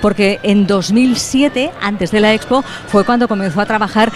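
A woman, a lively and chatty radio field reporter interviewing people at an outdoor event in a city square. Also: medium pitch, normal speed. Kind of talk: live street interview.

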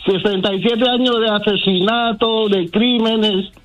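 A man's voice: high voice, steady tone, measured pace, fairly bright tone, muffled recording. A man calling into a radio show, indignant and emphatic. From Cuba. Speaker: caller. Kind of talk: call-in radio talk.

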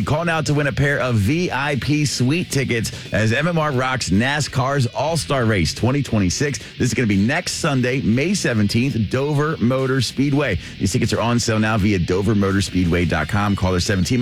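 Male rock radio DJ, mid-pitched, casual laid-back patter, faint guitar music underneath.

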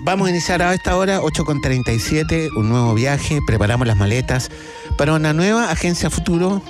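A man's voice: fairly high pitch, expressive, brisk, music in the background. A Chilean man hosting a radio interview, thinking aloud with hesitant fillers. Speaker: radio host.

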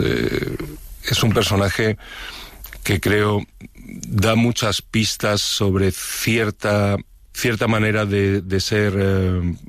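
A man from Madrid, a novelist guest, talking thoughtfully in an interview and often pausing to restart his phrases. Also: sits low, no room sound, studio quality. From Madrid, Spain. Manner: thoughtful, with frequent restarts and hesitations. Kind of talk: reflective interview talk.

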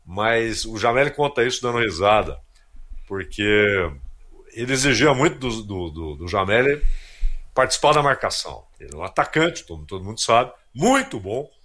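A male sports commentator whose pitch swings widely as he tells stories. He chats casually on air and often ends his sentences with a tag question. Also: sing-song, moderate pace, fairly bright tone. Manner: storytelling with frequent "né?" and restarts. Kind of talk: casual radio sports chat.

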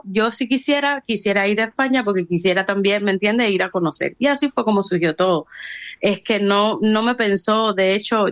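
A woman from Cuba with a Cuban Spanish accent, talking through her story as an interview guest, with hesitations, restarts and lively quoted voices. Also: medium pitch, no echo, dull audio. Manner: hesitant, many restarts and fillers, lively when quoting others. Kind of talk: conversational storytelling.

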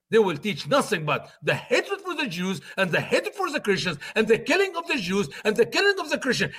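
Impassioned Egyptian-accented man, high husky voice. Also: fairly bright tone. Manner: impassioned, emphatic, rising to outbursts. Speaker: host. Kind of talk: heated commentary.

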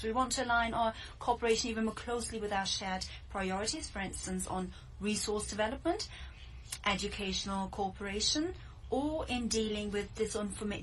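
A woman speaking as a live interpreter, relaying a formal official statement in halting phrases with cut-off words and quick restarts. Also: medium pitch, a bit bright, a little hiss or hum, poor audio. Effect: live interpreter voice, simultaneous interpretation.

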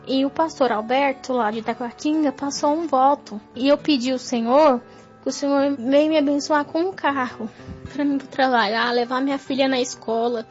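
Woman, high voice, fervent church testimony, dull lo-fi recording. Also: fairly even intonation, moderate pace. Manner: fervent and prayerful. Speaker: church member giving testimony. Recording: dull lo-fi recording with faint music.

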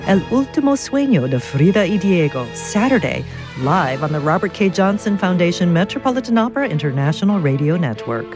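A woman reading a scripted radio promo in a loud, dense announcer's voice with polished, measured delivery. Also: fairly low pitch, very animated. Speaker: radio announcer for an opera broadcast. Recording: promo read over clear music. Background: music.

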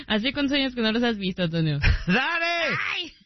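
A man's voice: very high voice, no room sound. A man hosting a radio show, joking and laughing a lot while taking calls. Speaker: radio host. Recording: dull lo-fi radio audio.

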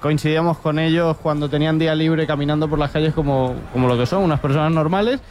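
A man's voice: on the high side, fairly even intonation, fast talker, a little mellow. A man, a sports reporter on a radio panel, telling his memories at length. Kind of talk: radio studio chat.

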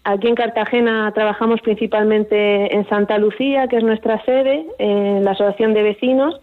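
A woman's voice: mid-range voice, fairly even intonation, moderate pace, narrow, tinny audio. A woman, a capoeira instructor, explaining at length and with enthusiasm in a radio interview.

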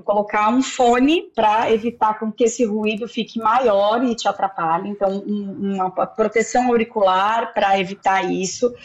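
A woman doctor calmly explaining sleep advice step by step as an interview guest. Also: medium pitch. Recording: slightly dull, muffled audio.

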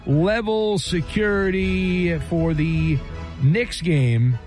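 A man hosting a late-night sports call-in radio show, taking calls in a smooth, quick, playful radio-host patter. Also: high-pitched, darkish tone, faint music behind.

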